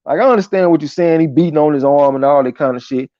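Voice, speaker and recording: A man with a fairly high voice talks quickly while hosting a live boxing stream, sharing fight opinions and reading viewer comments aloud in a casual, slangy, profane style. There's no room sound, and the audio is dull and lo-fi.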